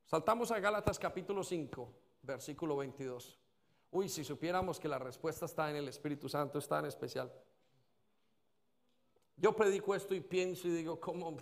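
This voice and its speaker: High-pitched guy pastor preaching, gets the crowd to repeat after him, acts out people's excuses. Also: animated, normal speed, pauses often. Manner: preaching with call-and-response and acted-out voices of doubters. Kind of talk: sermon.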